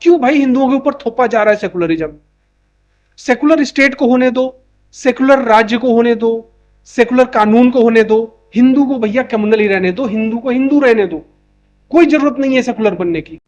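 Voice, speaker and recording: A YouTube commentator delivers an opinion monologue straight to camera, pressing his points with one rhetorical question after another. His voice is extremely high-pitched, brisk, and a little mellow.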